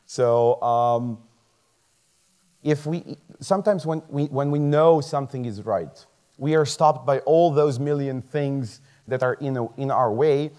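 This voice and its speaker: This speaker has a mid-range, mellow voice and talks a little slowly. He's a Croatian medical student in his thirties, Croatian his first language, giving an earnest motivational talk in a large theater, with frequent chuckles and restarted words.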